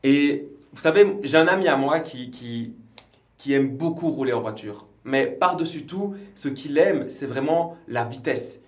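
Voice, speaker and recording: A man's voice: medium pitch, lively intonation, measured pace, reverberant. A man preaching a livestreamed church sermon, earnest and repeating words as he goes. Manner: earnest, repeats himself with small stumbles. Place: church service streamed live.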